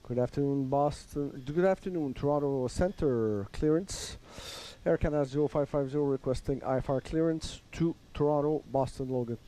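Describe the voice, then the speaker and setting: A man's voice: medium pitch, moderate pace, mellow, poor audio. A man talking like a pilot into a cockpit headset mic, making radio calls with hesitant, self-correcting phrasing. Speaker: flight sim player as pilot. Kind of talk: radio calls to air traffic control.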